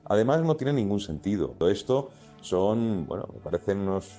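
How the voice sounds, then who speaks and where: A man in an interview clip, dismissive and halting as he searches for words. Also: on the low side, very animated, warm tone, faint music behind.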